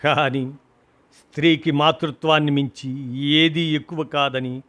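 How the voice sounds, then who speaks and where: A man's voice: on the high side, steady tone, measured pace, fairly bright tone. A man reading a grieving husband's story of loss, emotional and rising to cries at the peaks, in a storybook reading. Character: grieving husband recalling his mother's death.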